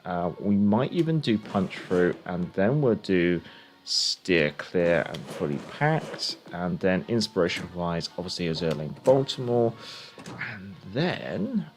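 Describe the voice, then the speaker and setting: A man's voice: sits low, sing-song, takes it slowly, slight background noise. A man streaming a game, chatting casually and thinking aloud as he gives live commentary.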